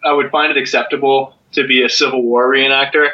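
A man's voice: medium pitch, flat delivery, a little fast, bright, forceful tone, lo-fi sound. A man co-hosting a podcast, chatting casually and riffing wryly. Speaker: podcast co-host. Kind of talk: casual chat.

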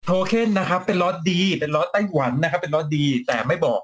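A man's voice: on the high side, fairly even intonation, fast talker. A man co-hosting a late-night live cycling show, blunt and teasing, crude and jokey, laughing often. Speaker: cycling talk show co-host.

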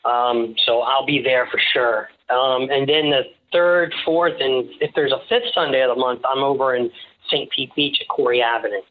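A male podcast guest talks casually in a halting, rambling, joking way. The recording is narrow and lo-fi, like a phone. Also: medium pitch. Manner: jokey, rambling, halting delivery. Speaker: podcast guest, small-business owner. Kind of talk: casual interview chat. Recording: slightly dull, lo-fi sound.

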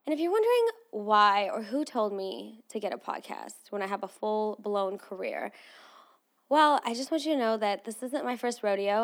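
On her own podcast, a twenty-something Armenian-born host, for whom English is a third language, chats casually by herself and often turns aside to address listeners. Her voice is on the high side.

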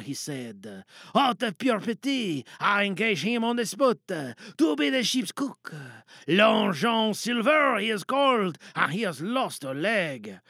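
An actor voicing a fussy French man who reads haltingly with a French accent and many hesitant "uh"s. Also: high voice, fairly bright tone, no echo, clean studio sound, heavily acted. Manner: hesitant, fills with "uh". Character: fussy French male auditioner. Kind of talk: cartoon voice acting.

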